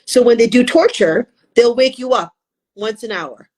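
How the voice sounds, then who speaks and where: A woman's voice: fairly high pitch, moderate pace, a little mellow, husky. A woman podcast host chatting casually and telling anecdotes.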